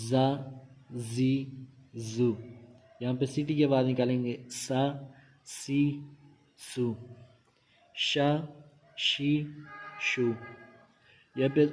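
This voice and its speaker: A man teaching Quran reading, spelling out letters and syllables slowly and repeating them for pupils to copy. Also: a little high, mellow. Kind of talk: slow drilled lesson recital.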